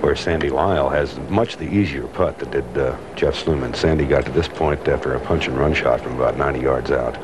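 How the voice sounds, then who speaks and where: A man's voice: rumbling low, a little fast, few pauses, background noise. A man calling golf live in short, economical phrases as a commentator on a 1980s television broadcast.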